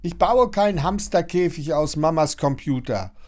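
A man voicing a lively, bossy young girl in a storybook reading. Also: mid-range voice, normal speed, pitched above the performer's own voice, natural voice. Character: spirited young girl, quick-tempered but fond.

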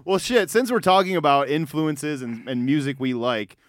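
A man's voice: on the high side, moderate pace. A man co-hosting a music podcast, chatting casually with lots of fillers and easy swearing. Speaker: podcast co-host.

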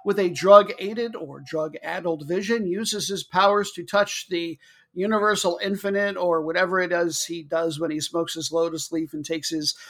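A man's voice: high voice, fairly even intonation, normal speed, fairly bright tone. A man hosting a casual, comic sports preview in a chatty, tongue-in-cheek way. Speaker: football betting show host.

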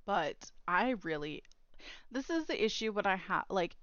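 A woman's voice: mid-range voice, very animated, unhurried, fairly bright tone, clean tone, dry recording, dull audio. A woman co-hosting a podcast in casual chat, rambling and trailing off into fillers. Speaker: podcast co-host.

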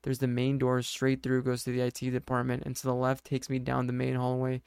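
A man's voice: mid-range voice, monotone, brisk, gravelly, darkish tone, smooth, dry recording, clean studio sound, close to an everyday voice. A man reading a puzzled, hesitant husband. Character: confused, mild-mannered husband at work.

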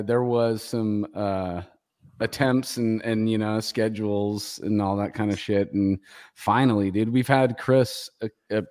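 A man with a lowish voice chats loosely on a podcast, cursing and calling everyone dude. He is in a bare empty house, and his voice has a hollow, cave-like echo. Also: darkish tone. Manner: loose, swearing, says "dude" often. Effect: cave-like room echo on the voice. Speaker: podcast co-host. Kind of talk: casual podcast chat over a call.

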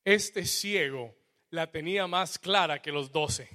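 A blind man preaching a sermon, swinging between loud shouts and low murmurs and dropping into English asides. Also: slow.

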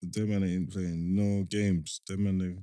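A man's voice: low-pitched, little pitch movement, measured pace, mellow, smooth, no echo, studio quality. A man with a London roadman accent, bantering casually as a podcast host in street slang. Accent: London, urban roadman street slang.

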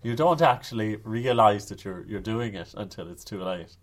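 A man's voice: lowish voice, lively intonation, moderate pace. A man with a North Kerry accent from the west of Ireland, chatting casually and wryly as a podcast co-host. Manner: jokey, wry. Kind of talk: casual chat.

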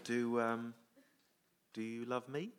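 On stage in a live theatre, a man hosts a comic interview for an audience, hesitant and playfully deferential in his role as comedy show host. He speaks slowly in a steady, medium-pitched voice. Faint noise is audible.

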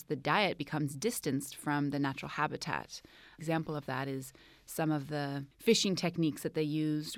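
A woman in her thirties with a low voice speaks as a studio guest on a radio show. She explains at length in a thoughtful way, with small restarts. The sound is dry and close. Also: dry recording. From Oakland, California. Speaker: cookbook co-author, studio guest. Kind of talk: radio interview.

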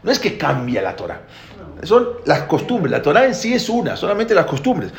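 A rabbi teaches a class a spoken Torah lesson, explaining with many restarts and rhetorical questions. His voice is a little high and swoops wildly in pitch, moving at normal speed in a reverberant space.

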